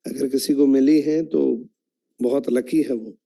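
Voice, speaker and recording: A man's voice: medium pitch, steady tone, measured pace, creaky, dark tone. A man running an online training meeting, explaining his point in an instructive way and asking the audience questions.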